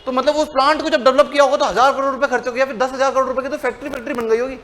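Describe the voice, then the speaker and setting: A man's voice: very high voice, fairly even intonation, very fast, a bit bright, a little hiss or hum. A man teaching tax law in a lecture, animatedly asking and answering his own questions. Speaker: commerce teacher.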